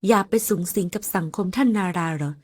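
A woman voicing a teasing, possessive young male boss in an audio novel, speaking low and coaxing. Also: expressive, fast talker, husky, no echo, studio quality. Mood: persuasive.

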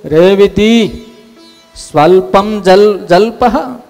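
A man voicing an arrogant male servant of a demon king who scolds loudly and bossily. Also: sits high, extremely slow, in a large hall, soft background music, pitched above the performer's own voice, exaggerated voice. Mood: scolding. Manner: loud, bossy scolding.

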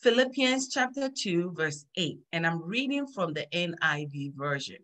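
A woman's voice: on the low side, expressive, normal speed, fairly bright tone. A middle-aged woman hosting a children's Sunday school lesson over a video call, upbeat and repeating phrases for the kids.

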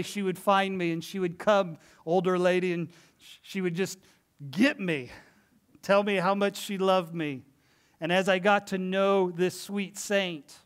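A middle-aged man preaching a sermon in a church, telling stories in an earnest, emphatic way. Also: sits high. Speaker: pastor. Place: church sanctuary.

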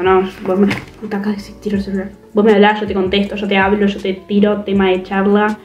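A woman's voice: medium pitch, dull audio. Teen girl vlogger with a Rioplatense accent, hyper and rambling, echoey bedroom with faint music. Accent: Rioplatense Spanish. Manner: excitable, rambling, fast-changing expressive delivery. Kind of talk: casual chat to camera.

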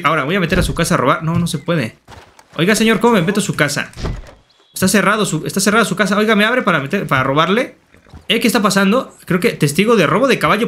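Lively Mexican man joking through gameplay. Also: high-pitched, slight background noise. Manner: playful, joking, loud excited outbursts. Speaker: gaming YouTuber. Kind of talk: let's play commentary.

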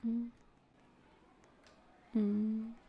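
A woman giving animated let's-play commentary, talking to a baby character and often yelling and laughing. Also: fairly high pitch, extremely slow, creaky, husky, narrow, tinny audio. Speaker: gaming youtuber.

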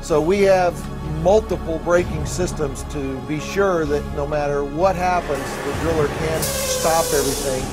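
A middle-aged man explains drilling equipment in a technical, informative way. His voice sits on the high side, with music clearly playing behind it. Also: unhurried, hardly any pauses. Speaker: drilling operations expert giving a tour.

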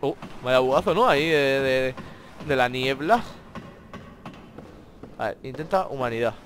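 A man with a Spain Spanish accent giving excitable let's-play commentary, swearing a lot and talking to the enemies on screen. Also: mid-range voice, unhurried, a little hiss or hum. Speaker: gamer playing a video game.

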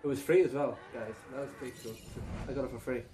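A man's voice: medium pitch, fairly even intonation, quick pace. A man in his twenties, tipsy, giving casual, sweary, repetitive reactions as a co-host. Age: 20s. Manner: informal, sweary, repeats himself. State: drinking, tipsy. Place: small bedroom, indoors. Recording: distant mic, noisy room.

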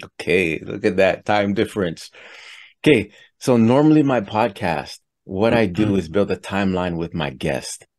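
Deep-voiced podcast host. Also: male voice, expressive, moderate pace, a little mellow. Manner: earnest, friendly questioning. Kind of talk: podcast interview. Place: home studio. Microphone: headset with studio mic.

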